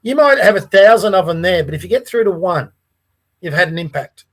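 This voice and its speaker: Talking politics casually on his podcast, an Australian man with a fairly high voice sounds earnest, animated and brisk. He often restarts phrases and tosses out "right?" to the listener, and the recording is rough.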